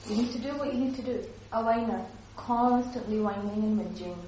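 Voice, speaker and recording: Female workshop trainer, animated, acts out examples; distant, echoey room recording. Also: fairly high pitch, fairly quick, slight background noise. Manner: lively, acts out example speakers. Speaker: teacher trainer.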